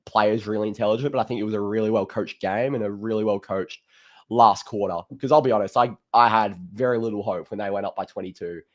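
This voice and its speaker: A man's voice: lowish voice, steady tone, fast talker. An Australian man hosting a fan call-in show, chatting casually about footy in a laconic, blokey way.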